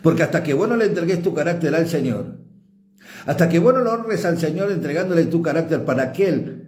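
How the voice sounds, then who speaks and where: Forceful Argentine preacher in an echoey church. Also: male voice, fairly high pitch, expressive, brisk. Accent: Argentine Spanish. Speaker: apostle and pastor. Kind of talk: sermon.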